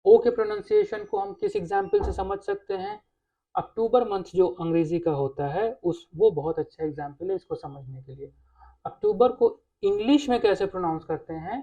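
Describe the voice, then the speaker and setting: A woman teaching a language lesson, explaining patiently and pausing on "okay" between points. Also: mid-range voice, animated, creaky, phone-quality sound. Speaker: French teacher.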